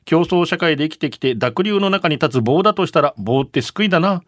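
A man co-hosting a radio show, reading listener messages and trading mock-gruff banter. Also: fairly high pitch, lively intonation, a little fast, no room sound, clean studio sound. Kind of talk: casual radio chat.

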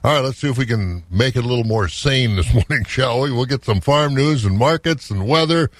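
A man's voice: medium pitch, lively intonation, fairly quick, no echo. An American man hosting morning farm radio, reading weather and market prices in a folksy, conversational way. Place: radio studio.

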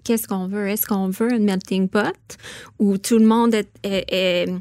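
A woman's voice: medium pitch, steady tone, measured pace, a little mellow, no room sound, clean studio sound. A woman from Saskatchewan, a guest author in a radio interview, talking thoughtfully with many hesitations. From Saskatchewan, Canada.

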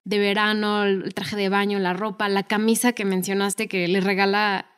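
A woman's voice: mid-range voice, flat delivery, moderate pace, fairly bright tone, smooth. Chatty woman retelling film scenes. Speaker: podcast co-host. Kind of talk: casual film discussion.

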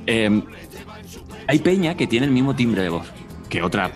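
A man's voice: mid-range voice, sing-song, measured pace, over music. A man co-hosting a talk show, rambling and breaking into laughs as he talks. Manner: rambling, laughs mid-sentence. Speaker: co-host. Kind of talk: casual chat.

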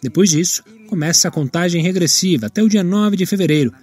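A man reading entertainment news bulletins in a steady, measured way. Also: high-pitched. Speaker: news presenter.

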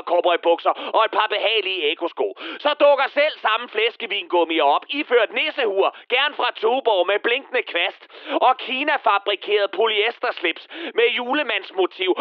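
A man's voice: high voice, dry recording, highs cut off. A man playing a bitter, misanthropic middle-aged man, delivering a crude, sneering satirical radio monologue. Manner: venomous, crude, sneering rant. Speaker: comedy character.

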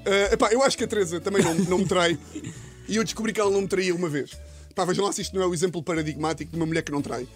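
A young man with a European Portuguese accent, hosting a comedy podcast and delivering a quick, mocking comic monologue. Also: high-pitched. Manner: quick, mocking, acts out voices and dialogues. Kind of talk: stand-up style comic monologue.

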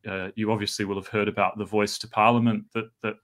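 A man's voice: lowish voice, flat delivery, fast talker, fairly bright tone. A middle-aged man with a New Zealand accent, a guest scholar talking in a casual podcast conversation with frequent ums and restarts. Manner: hesitant, many ums and restarts.

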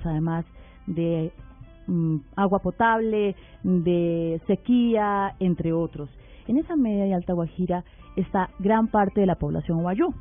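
A woman hosts a radio talk show, unhurried and deliberate as she presses her questions. Her voice comes through a narrow, phone-like band, with faint music playing underneath. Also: fairly low pitch. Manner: measured, deliberate, probing questions. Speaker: radio host.

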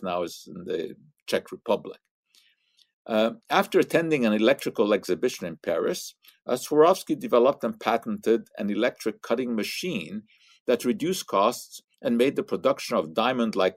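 An older man giving an educational science talk in an explaining manner, pausing on "uh" and repeating words. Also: medium pitch, no room sound, clean studio sound. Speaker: science commentator. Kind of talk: educational monologue.

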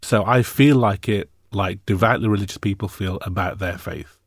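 In an interview, a musician in his fifties reflects at length, animated and rambling with fillers. His voice sits on the low side at a normal speed, recorded dry with clean studio sound.

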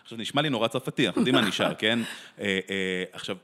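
In a reflective interview, a man from Israel who works as a translator and theatre director talks with care, pausing often and restarting his sentences. His voice is on the low side, bright and forceful.

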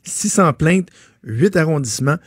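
Slightly rough and fairly high-pitched, this Quebec French-accented man talks a little slowly as a radio co-host. He laughs and tells stories in lively, casual conversation from a radio studio, captured on a studio mic with clean, echo-free sound.

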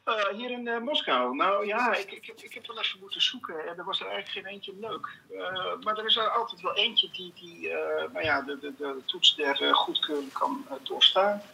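A man on a phone call, heard through a speakerphone held to a microphone. His voice sits high and gravelly, with a very bright, sharp edge. He talks hesitantly with lots of fillers and a dry, understated delivery. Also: normal speed, few pauses, a little hiss or hum. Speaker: phone-in guest telling a joke. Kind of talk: casual joke-telling over the phone. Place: phone call from elsewhere, held to the studio mic.

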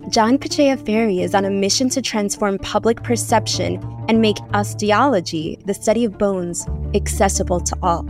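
A woman podcast host reading a polished, scripted introduction in a measured announcer delivery. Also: medium pitch. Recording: music bed underneath.

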